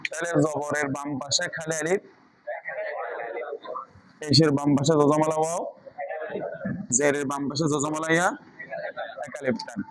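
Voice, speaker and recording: A man's voice: a little high, steady tone, measured pace, long pauses, a loud crowd, rough recording. A man teaching Quran reading in a class, quizzing students patiently with repeated questions. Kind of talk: online class lesson.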